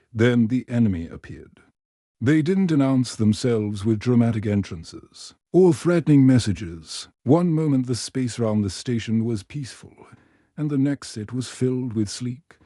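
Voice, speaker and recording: A man narrates a science fiction story in a steady, even way. His tone is mellow and dark, mid-pitched. The recording is dry and close. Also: no echo. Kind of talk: scripted narration.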